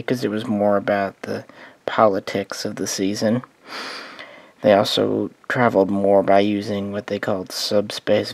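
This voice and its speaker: A man giving a relaxed, meandering spoken overview of his collection of model starships, thinking aloud as he goes. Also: fairly low pitch, no echo. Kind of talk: casual hobby overview.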